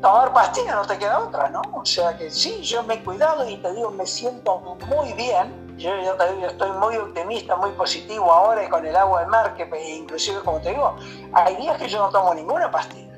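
A man's voice: high-pitched, animated, a little fast, music in the background, poor audio. Rambling older Argentine man. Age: 70s. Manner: rambling, many fillers and tag questions. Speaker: radio guest. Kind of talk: casual radio interview.

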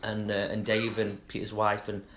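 A man's voice: on the low side, monotone, moderate pace, a bit bright, a little hiss or hum. A middle-aged man from England co-hosting a casual chat, rambling and trailing off mid-sentence with fillers. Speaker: podcast co-host.

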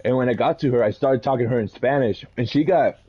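A man from Puerto Rico co-hosting a podcast, telling stories in an animated, rambling way with quick laughs. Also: medium pitch, slightly rough, muffled recording. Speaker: podcast co-host. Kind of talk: casual chat.

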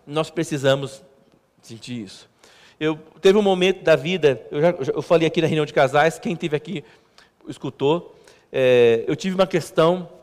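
A male pastor preaching a sermon in a halting, conversational way, repeating words and poking fun at himself. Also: a little high, a little mellow. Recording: long church hall reverb.

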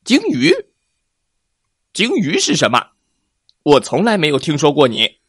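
A man's voice: high-pitched, lively intonation, unhurried, pitched above the performer's own voice. A man voicing a boastful, proud giant male lobster in a children's story. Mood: puzzled. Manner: bragging, indignant.

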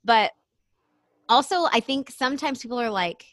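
A woman's voice: a little high, lively intonation, moderate pace, no room sound, clean studio sound. A young woman hosting a podcast in a casual chat, talking loosely with many "like" fillers and frequent laughs. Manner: chatty, lots of "like" fillers, laughs often. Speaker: podcast host and coach.

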